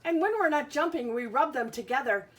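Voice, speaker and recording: A woman teaches young children in a lesson with a picture-book read-aloud, explaining simply, asking questions and sounding out letters and words with emphasis. Her voice is high and fairly bright, with lively intonation and a slightly fast pace.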